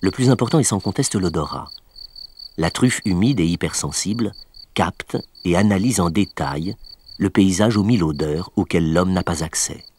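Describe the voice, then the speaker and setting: A low-pitched male narrator reads a nature documentary script in measured, explanatory phrases. Faint insect noise, like crickets, sits behind his voice. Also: darkish tone.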